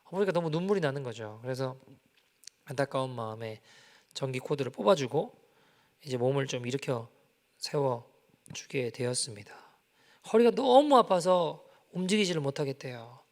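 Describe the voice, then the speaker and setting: A male pastor preaching a sermon, telling a story and acting out its dialogue, moving between soft and loud passages. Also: mid-range voice. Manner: animated, acts out quoted dialogue, swings from soft to loud. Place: church sanctuary. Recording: long church-hall reverb.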